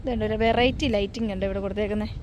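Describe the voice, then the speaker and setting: A woman's voice: mid-range voice, steady tone, very fast, noisy background. A woman on a casual vlog walking through a farm at dusk, chatty, who keeps pointing things out to her viewers. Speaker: family vlogger.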